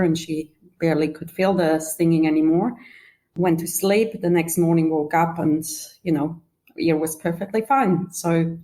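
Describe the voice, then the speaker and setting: A woman's voice: low voice, mellow, poor audio. A woman from Switzerland, giving an earnest casual testimonial and sometimes searching for her words. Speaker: podcast guest giving a testimonial.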